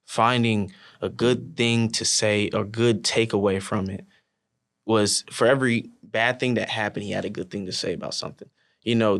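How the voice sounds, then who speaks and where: A young college wrestler and team captain chats in a casual interview, his voice fairly low and his manner relaxed. He fills his speech with phrases like "you know" and gets animated when telling stories.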